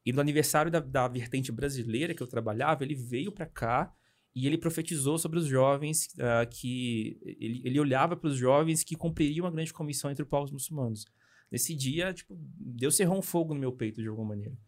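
A young Brazilian man, a missionary guest, telling his story in a casual interview with animated, hurried speech and frequent tag questions. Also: mid-range voice. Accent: Brazilian Portuguese.

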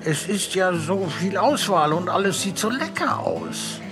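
A man voicing a cheerful, curious young girl in a children's audiobook, bright and eager. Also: sits high, animated, unhurried, music in the background, pitched above the performer's own voice.

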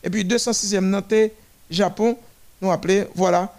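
A man giving running commentary on a parade of nations, listing them one by one with halting restarts. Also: high voice, steady tone, a little mellow.

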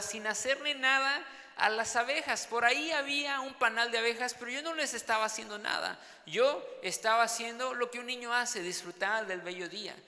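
A man with a Mexican accent preaching a sermon as pastor, telling a personal story in an animated, dramatic way and often tagging his sentences with questions. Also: sits high, big-room sound. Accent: Mexican Spanish.

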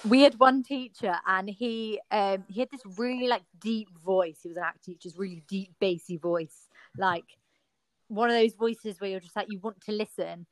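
A woman's voice: mid-range voice, moderate pace, no room sound. A young woman with a regional English accent, an actor chatting casually and expressively, with lots of filler words. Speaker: actor, podcast guest or co-host. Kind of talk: casual chat.

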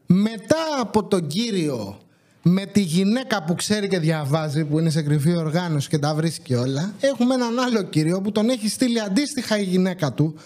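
A man hosting a podcast, telling exasperated comic stories from his supermarket job and acting out the dialogue. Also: high voice. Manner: animated, exasperated, acts out dialogue. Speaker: podcast host, supermarket worker. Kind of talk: comedic storytelling.

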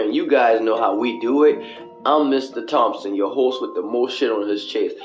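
A man hosting his own radio show in a casual, motivational monologue, preachy and repetitive, with street slang and swearing, recorded on a cell phone headset in an echoing bathroom. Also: medium pitch. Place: small indoor bathroom. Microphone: cell phone with headphones.

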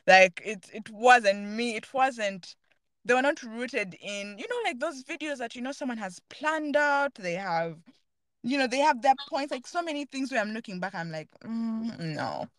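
A woman's voice: fairly high pitch, expressive, normal speed, a bit bright, no room sound. A woman hosting a podcast, talking earnestly and thoughtfully in a casual, reflective chat while searching for her words. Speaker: podcast host.

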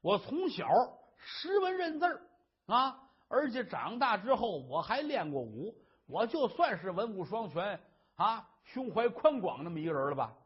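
A man's voice: high-pitched, big pitch swings, moderate pace, breathy edge, dull audio, heavily acted. A man voicing a worried husband who coaxes his wife to explain, in an earnest way. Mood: coaxing. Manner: coaxing, earnest. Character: worried doting husband, a scholar, boastful.

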